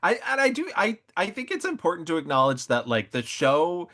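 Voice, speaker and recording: A man's voice: sits high, very animated, brisk, sharp tone. A man guesting on a podcast, talking in a thoughtful, musing, fond way. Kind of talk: casual podcast discussion.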